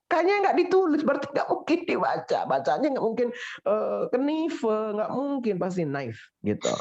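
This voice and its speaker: A man's voice: sits high, very animated, normal speed, darkish tone, highs cut off. A man with an Indonesian accent teaching an English pronunciation class, teasing and joking with his students. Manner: playful, teasing, jokey mock-English examples.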